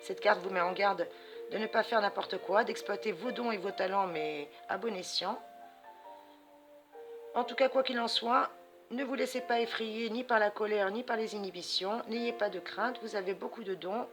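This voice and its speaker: A woman hosting a card-reading channel, giving spiritual guidance to viewers in a chatty, affectionate way, calling them sweet pet names. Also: medium pitch. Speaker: astrology and tarot channel host. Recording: music playing behind voice.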